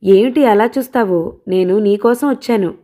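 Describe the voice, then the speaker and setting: A woman's voice: mid-range voice, moderate pace, mellow, close to an everyday voice. A woman doing a teasing young village girl.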